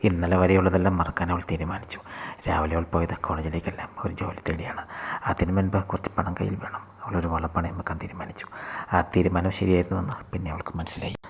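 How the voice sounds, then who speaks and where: Guy reading a short story, deep breathy half whisper, quick and flat. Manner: soft, half-whispered delivery. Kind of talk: scripted story narration.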